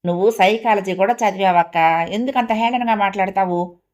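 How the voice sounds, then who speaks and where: A woman voicing an excitable young woman, a younger sister who talks eagerly and fretfully in an audio story. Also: mid-range voice, moderate pace, close to an everyday voice.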